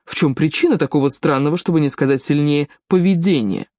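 A woman's voice: low-pitched, brisk, darkish tone, dry recording, natural voice. A woman reading a pompous middle-aged male burgomaster who coaxes and snaps in turn. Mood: coaxing. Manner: alternately coaxing and angry.

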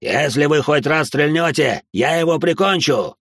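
A man's voice: fairly high pitch, animated, moderate pace, no echo, studio quality, pitched above the performer's own voice. A man voicing a vengeful old cult leader who growls and barks threats in an audio story. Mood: snarling threats.

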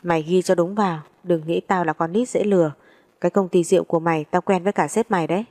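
A woman's voice: on the low side, steady tone, quick pace, mellow, natural voice. A woman reading the part of a brutal male debt collector, who speaks in a coarse, contemptuous, menacing way in a storybook reading.

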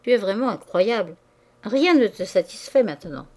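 A woman reading the part of a poised young wife who speaks crisply and with a teasing edge. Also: medium pitch, lively intonation, normal speed, a little mellow.

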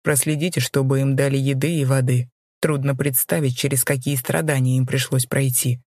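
Woman doing a cold scornful young rebel lord, low and slow, storybook, dry close sound. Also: steady tone, a little mellow, no room sound. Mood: commanding. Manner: cold, contemptuous, low-voiced.

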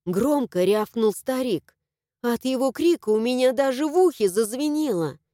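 A woman narrating a first-person audiobook in a lively, expressive way, close to the mic. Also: on the high side, normal speed, no room sound.

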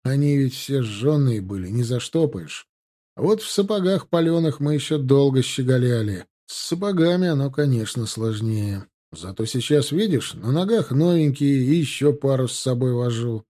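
A man voicing Goncharov, a calm veteran soldier telling war stories in an audiobook. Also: medium pitch, moderate pace, natural voice. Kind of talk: audiobook character voice.

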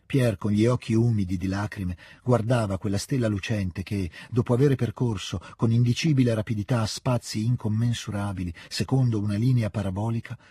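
A man reads a classic novel aloud, calm and measured, in a studio. His voice is very husky and dark, pitched low. The sound is dry and close to the mic. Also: no echo. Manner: calm, measured literary reading. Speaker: audiobook reader.

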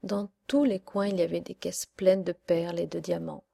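A woman narrating a fairy tale audiobook in a soft, hushed storytelling manner. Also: on the low side, steady tone, moderate pace, vocal fry. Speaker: audiobook reader.

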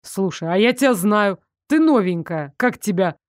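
Woman voicing a gruff caring young man. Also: medium pitch, lively intonation, moderate pace, dry recording, studio quality, lightly acted. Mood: concerned. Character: young male student, gruff but caring. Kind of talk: audiobook character voicing.

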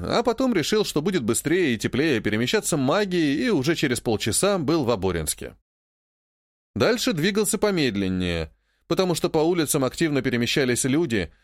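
A man reading a fantasy audiobook in first person as narrator, in a steady storytelling manner on a close mic. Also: on the high side, dry recording.

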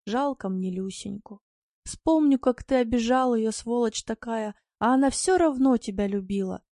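A woman voicing a rough, quick-tempered yard tomcat who speaks gruffly and bluntly. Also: fairly high pitch, dark tone, no room sound, clean studio sound, close to an everyday voice.

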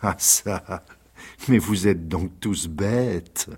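A man's voice: medium pitch, lively intonation, moderate pace, lightly acted. A man voicing a cynical young male bandit who talks with mocking, wheedling menace. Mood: cold.

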